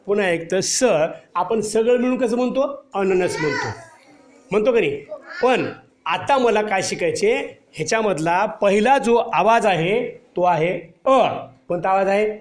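A man's voice: high voice, moderate pace. A man teaching a first-grade class, patiently asking and repeating simple questions for young children, with some faint noise behind him. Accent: Marathi. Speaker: primary school teacher.

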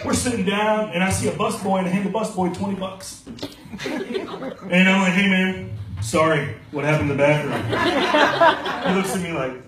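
Speaking in a high voice at a moderate pace with frequent pauses, a man in his thirties from Maryland tells crude, brash stories on a small club stage, voicing the characters he quotes. The handheld-mic set is filmed from the audience, sounding roomy and far off amid loud laughter.

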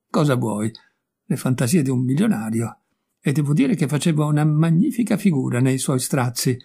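A man's voice: mid-range voice, gravelly, mellow, husky. A man voicing a witty, worldly young male painter in an audiobook, speaking in a breezy, teasing way. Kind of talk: audiobook character voice.

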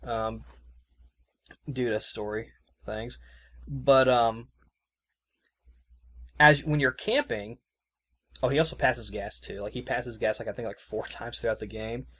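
A man's voice: mid-range voice, fairly even intonation, measured pace, pauses often, sharp tone. Rambling, easygoing man on a podcast. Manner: rambling, loose and conversational with many fillers. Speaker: podcast host reviewing a video game. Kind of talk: casual chat.

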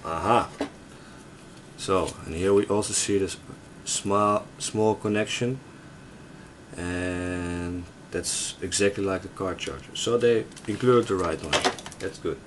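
Sitting at a desk in a room, a man with a Dutch accent reviews tech, unboxing an item and thinking out loud in a hesitant, casual way. He speaks slowly in a low voice, and the background is noisy.

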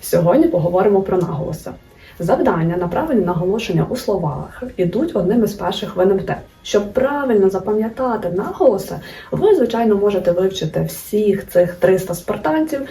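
Mellow-voiced woman teaching a lesson. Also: mid-range voice, expressive, brisk, recorded from a distance, poor audio. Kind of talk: educational video lesson.

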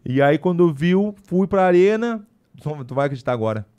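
A man, a podcast guest, telling a story casually in an animated, slangy way with lots of asides. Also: sits high, moderate pace, smooth.

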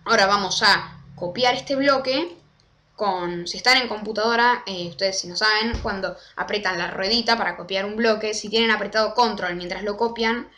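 A young woman, casually walking through a game tutorial step by step and slowing down to spell out commands. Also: medium pitch, sharp tone. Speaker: Minecraft tutorial creator. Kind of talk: casual screen-recorded tutorial.

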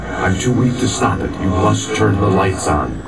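A weakened ghostly man in a horror game. His low voice calls from a distance, slow and pleading, with urgent warnings swamped by loud music. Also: big pitch swings, creaky, exaggerated voice.

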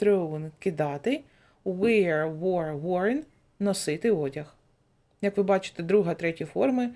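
A woman teacher reads vocabulary aloud at an unhurried pace, pausing between each form of a word. Her voice is mellow and warm rather than bright. It sounds like a patient recorded lesson. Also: mid-range voice. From Ukraine. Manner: recites word forms slowly, then gives each meaning. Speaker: English teacher. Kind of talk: slow dictation-style vocabulary lesson.

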